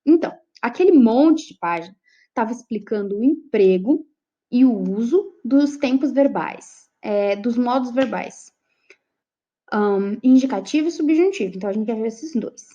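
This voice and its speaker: A Brazilian woman teaches an online lesson, pitched high and moving lively through her explanations. Her tone is mellow and warm, not bright. She keeps checking in with the class, and the recording sounds dull and lo-fi. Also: normal speed. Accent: Brazilian Portuguese. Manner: explains with frequent check-ins to students. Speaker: Portuguese teacher.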